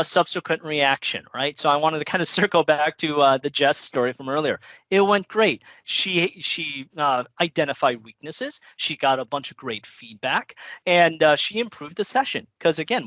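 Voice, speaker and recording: Upbeat high-voiced man giving a talk. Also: pushed and bright, dry recording, muffled recording. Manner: conversational, upbeat, frequent "right?" and "you know". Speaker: conference speaker. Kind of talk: recorded conference talk on presenting.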